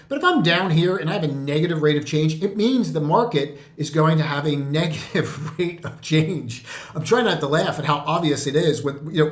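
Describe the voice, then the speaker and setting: A man explaining stock charts in a casual, animated way, asking rhetorical questions and chuckling at his own points. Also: a little high, roomy sound. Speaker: trading educator. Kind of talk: chart walkthrough commentary.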